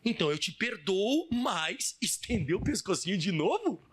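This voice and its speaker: A male pastor giving a lively sermon, acting out scenes and rising to fervent, emphatic prayer. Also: high-pitched, moderate pace, slightly rough.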